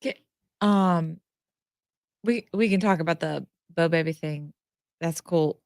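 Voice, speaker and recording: Woman with a lowish voice, radio co-host, casual chatting, dry close sound. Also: slow, a little mellow, dry recording. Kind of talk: casual chat.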